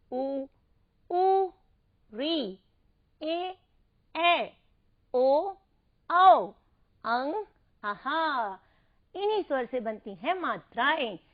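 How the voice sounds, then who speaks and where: A woman teacher giving a Hindi lesson to first-graders, sounding out words slowly and clearly and asking the children to repeat after her. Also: high-pitched. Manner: slow, clearly enunciated, has listeners repeat words. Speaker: primary school teacher. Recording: dull lo-fi recording.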